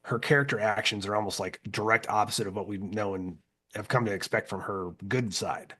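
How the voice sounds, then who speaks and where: Laid-back low-voiced man recapping a show. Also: a little fast, sharp tone, husky. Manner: laid-back, profane, heavy with fillers. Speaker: podcast co-host. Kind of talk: casual TV recap chat.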